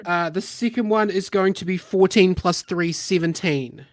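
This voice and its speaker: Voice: mid-range voice, dry recording. Patient tabletop game master, dry sound. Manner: measured, patient, often says uh and um.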